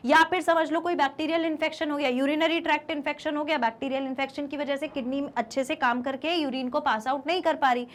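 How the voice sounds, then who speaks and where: High-voiced woman teaching biology. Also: fairly even intonation, a little hiss or hum. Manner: explains in Hindi mixed with English, asks rhetorical questions; reads English definitions slowly, then explains fast. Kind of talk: exam-prep lecture.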